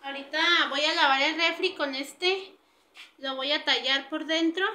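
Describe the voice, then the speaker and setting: Addressing her viewers directly, a chatty vlogger films a casual cleaning session in her home kitchen, sweaty from the work. Her voice sits high and sounds bright and forceful, moving at a moderate pace.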